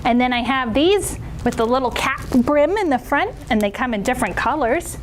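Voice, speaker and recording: A woman's voice: high voice, lively intonation, normal speed. A woman hosting a children's storytime, speaking in a playful, theatrical kids' entertainer manner directly to young listeners. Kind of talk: animated children's story reading and presenting. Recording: clear background noise.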